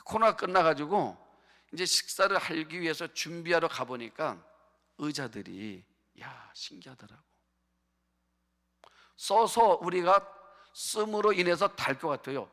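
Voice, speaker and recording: A man's voice: fairly high pitch, big pitch swings, measured pace, a bit bright. A male pastor preaching a sermon, asking the congregation questions and answering them himself. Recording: long hall reverb.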